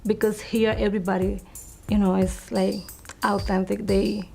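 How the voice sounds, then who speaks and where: A woman's voice: mid-range voice, little pitch movement, moderate pace, creaky, a little mellow, faint music behind. A young woman from the Dominican Republic, a student, speaking casually and emphatically in an interview testimonial.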